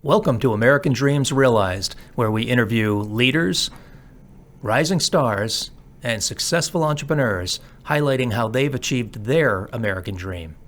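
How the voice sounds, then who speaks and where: A man's voice: mid-range voice, expressive, moderate pace, fairly bright tone. A man hosting an interview show, introducing a guest and prompting with short follow-up questions. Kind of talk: podcast interview.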